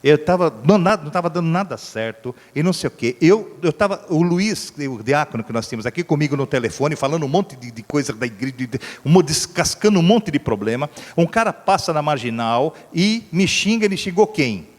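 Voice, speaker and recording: A man's voice: a little high, expressive, fairly quick, hardly any pauses. A middle-aged Brazilian man, preaching a sermon as a pastor and acting out a story with voices and sound effects. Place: church hall. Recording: church hall reverb.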